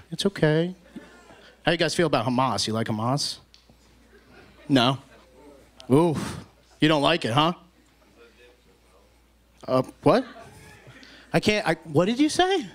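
A man in his thirties doing halting, sweary stand-up and bantering at the crowd on a handheld club microphone. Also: a little high, big pitch swings, fairly bright tone. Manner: halting, swearing, talks at the audience. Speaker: stand-up comedian. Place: comedy club stage.

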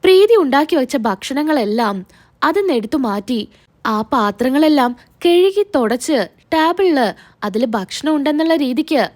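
A woman narrating a TV serial's plot in a chatty, casual retelling. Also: high-pitched. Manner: chatty, storytelling.

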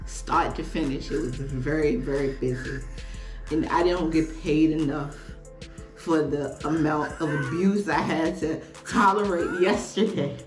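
A woman's voice: deep voice, unhurried. A woman chiming in beside the host with sassy, joking remarks. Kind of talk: casual chat. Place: small indoor room. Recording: roomy sound with music behind.

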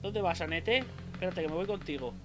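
A young man from Spain with a Spanish accent, streaming a game and talking through it, excitable and swearing often. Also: sits high, brisk. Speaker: gameplay streamer. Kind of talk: let's play commentary. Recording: game music playing behind.

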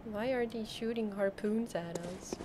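A woman's voice: mid-range voice, a little slow, very noisy. A woman playing a video game and commenting as she goes, anxious and exclaiming, often talking to herself. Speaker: gaming channel host. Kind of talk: let's play commentary.

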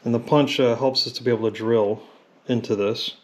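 Guy in his garage workshop walking thru drilling a part, lots of uh and um, camera mic. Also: mid-range voice. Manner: relaxed, halting with frequent fillers. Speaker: mechanic demonstrating engine rebuild. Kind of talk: casual workshop tutorial. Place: home workshop at a drill press.

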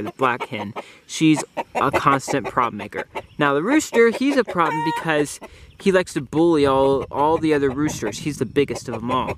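A young man vlogging outdoors on his homestead, explaining his beehives in a rambling way that keeps correcting itself. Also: medium pitch. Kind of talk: casual vlog narration. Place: outdoors in a garden among bushes and beehives. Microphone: camera mic, handheld or close framing. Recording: outdoor camera audio with insect noise. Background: buzzing bees and insects.

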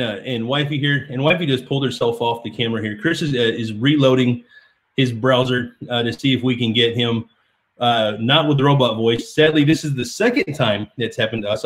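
A man's voice: medium pitch, quick pace, a bit bright. A young man hosting a casual cooking livestream from his home kitchen, talking loosely with lots of fillers. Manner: chatty, loose, many fillers. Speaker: cooking show host.

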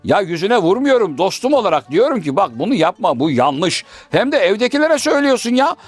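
A man's voice: high voice, sing-song, a little fast, breathy edge, exaggerated voice. A man voicing a learned, moralizing male shadow-puppet scholar who lectures and quotes proverbs, in a traditional puppet comedy. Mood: insistent.

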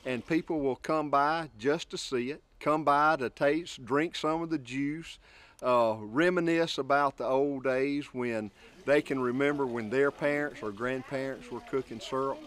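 A man's voice: mid-range voice, unhurried, a bit bright. A middle-aged man with a Mississippi accent, a syrup maker interviewed outdoors on a rural homestead, talking plainly and easygoing with a few "uh"s. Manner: plain, easygoing, with some "uh" fillers.

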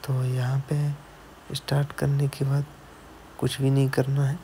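Over a screen recording, a man who fixes mobile phones explains a repair step by step, frequently checking the viewer is following and saying "theek hai" again and again. He speaks in a mellow, mid-range monotone without hurrying, and a little background noise is audible.

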